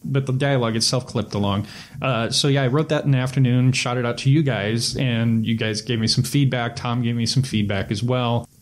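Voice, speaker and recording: A man's voice: medium pitch, fairly even intonation, fairly quick. Man chatting in an echoey basement. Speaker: podcast co-host and filmmaker. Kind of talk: casual podcast chat. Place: theater basement, people walking past.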